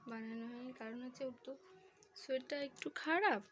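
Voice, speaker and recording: A woman's voice: fairly high pitch, fairly quick, noisy background. A young woman vlogging at home, talking casually to her viewers and coaxing her child with a sore throat. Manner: chatty, coaxing her child in a sing-song voice. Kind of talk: casual home vlog talk.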